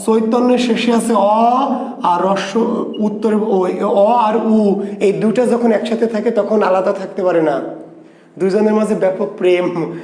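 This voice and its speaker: A man leads an online exam prep class, his voice high yet warm and soft at the edges. He stretches out key terms, repeats them, and poses questions that he answers himself. The sound carries the echo of the room around him.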